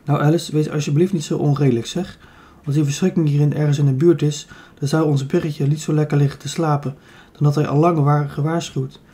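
A man voicing a nervous but stubborn young princess in an audiobook, speaking in a hushed, pleading way. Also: fairly high pitch, fairly even intonation, fairly quick, close to an everyday voice.

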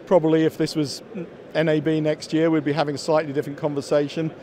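Speaking fast in a level, somewhat high and slightly mellow voice, a company executive in his fifties walks through products for a trade show interview. The busy exhibition hall surrounds him, the interviewer holds a handheld microphone, and he often starts over and repeats words.

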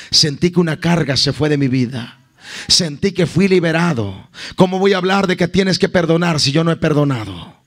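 A man preaching a sermon as a guest evangelist at a church service, impassioned and calling out to his listeners as beloved brothers. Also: on the high side.

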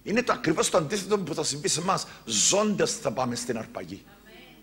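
A male pastor with a Cypriot Greek accent preaching a sermon, swinging between loud exclaimed lines and quiet asides. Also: on the high side, very animated.

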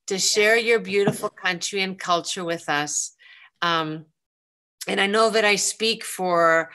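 A woman from Greece hosting a live online question-and-answer session, speaking slowly and hesitantly with many ums, on a video call. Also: on the low side, pushed and bright. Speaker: planetarium program host.

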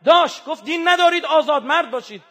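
A man giving an impassioned religious sermon, moving from hushed, mournful passages to loud, fervent outbursts. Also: very high voice, a faint crowd. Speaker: religious speaker.

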